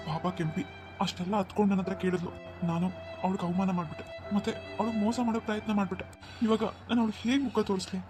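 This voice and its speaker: A woman's voice: mid-range voice, a little mellow, lightly acted. A woman voicing a remorseful young village husband in a cartoon story, speaking in a pleading, tearful way. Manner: pleading, tearful and self-blaming. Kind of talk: Kannada cartoon story dubbing.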